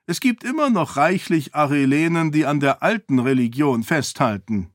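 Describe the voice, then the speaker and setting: A man's voice: a little high, expressive, normal speed, no room sound, studio quality, close to an everyday voice. A man voicing a scornful, impatient middle-aged king who mocks a priest in a sarcastic, raised voice.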